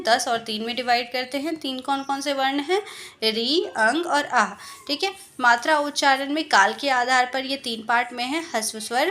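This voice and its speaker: A young woman teaches an exam-prep lesson in a bright, high voice. She explains step by step, sounding out each example vowel. She mixes English words into her Hindi.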